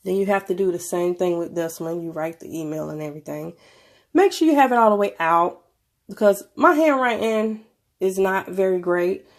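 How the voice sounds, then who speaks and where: A woman video presenter talks through a casual gadget review. Her voice is on the low side, with a lot of gravelly fry, and she sounds stuffed up with a cold. Her delivery is informal and conversational. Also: lively intonation, normal speed. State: sick with a cold, stuffy nose. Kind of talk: casual tech review narration.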